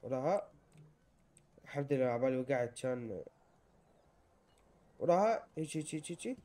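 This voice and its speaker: A young man with an Iraqi Arabic accent gives excitable let's-play commentary and often yells in panic while playing. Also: medium pitch, fairly quick. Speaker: gamer.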